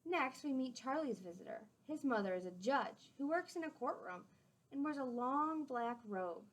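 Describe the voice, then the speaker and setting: A woman reads a picture book aloud to young children, expressive and teacherly, adding simple explanatory asides. Her voice is high and her pace moderate.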